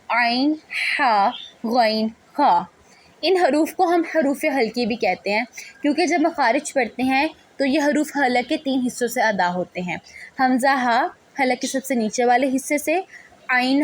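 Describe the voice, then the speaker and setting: A woman teaching Quran recitation rules, patiently spelling out letters and syllables one at a time. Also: on the high side. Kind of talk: step-by-step tajweed lesson.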